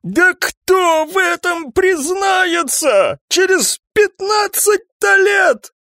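Guy doing a grumpy old cop captain, hoarse, yells a lot, dry close sound. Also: sits high, very animated, normal speed, no room sound, pitched above the performer's own voice, heavily acted. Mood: yelling. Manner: yelling, hoarse and overwrought. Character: old male police captain near retirement, blustering, irascible.

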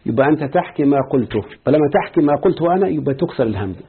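Husky Egyptian sheikh teaching grammar. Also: male voice, fairly high pitch, lively intonation. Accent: Egyptian Arabic. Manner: explains step by step, quizzes students, quotes examples slowly. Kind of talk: classroom grammar lesson. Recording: tinny phone-like lo-fi recording.

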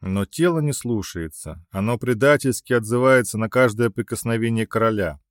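A man reading a fantasy romance audiobook aloud in an expressive, dramatic way. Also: medium pitch, normal speed, dry recording, studio quality. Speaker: audiobook narrator. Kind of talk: scripted narration of a fantasy romance.

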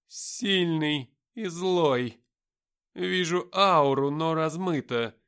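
A man's voice: a little high, drawn-out words, a bit bright, clean tone, pitched above the performer's own voice, full character voice. A man reading an audiobook voices a haughty, world-weary female angel who speaks in a commanding, solemn way. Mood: entranced.

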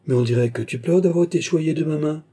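A man's voice: on the high side, quick pace, mellow, pitched above the performer's own voice, lightly acted. A man doing a bold, mocking young court lady. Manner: teasing, impudent.

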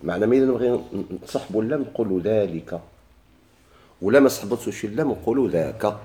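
Moroccan man teaching grammar, low mellow voice. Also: lively intonation, fast talker. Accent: Moroccan Arabic. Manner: asks questions and answers them himself, repeating key words. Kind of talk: classroom lesson explaining a grammar text.

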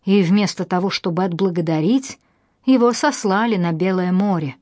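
Woman voicing a fierce, cunning captive woman in a storybook reading, low-pitched, dry. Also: moderate pace, dry recording, lightly acted. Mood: passionate. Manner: calm then passionate. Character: fierce cunning young woman under arrest.

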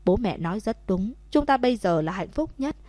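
A woman voicing a remorseful young husband who begs his wife loudly in a storybook. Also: mid-range voice, lively intonation, fairly quick, no room sound, close to an everyday voice. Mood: coaxing. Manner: loud begging calls.

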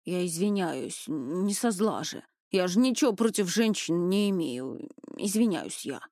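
A woman's voice: on the low side, animated, unhurried, warm tone, dry recording, clean studio sound. Woman doing a mumbling sheepish little man. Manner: mumbling, apologetic. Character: small shabby village man, timid and sheepish.

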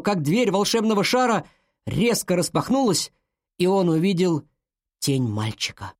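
An audiobook narrator reading a children's fantasy story in a calm, even manner. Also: medium pitch, no room sound, clean studio sound.

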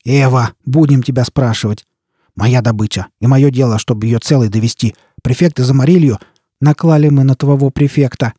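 A man's voice: mid-range voice, moderate pace, warm tone, no room sound, clean studio sound, close to an everyday voice. A man voicing a boisterous, coarse male bandit leader who mocks and bullies. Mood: swaggering.

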